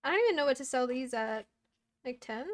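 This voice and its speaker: A woman who makes and sells handmade plushies, talking in a relaxed, rambling way in a casual chat with friends. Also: high-pitched, fairly quick. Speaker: crafter selling handmade plushies.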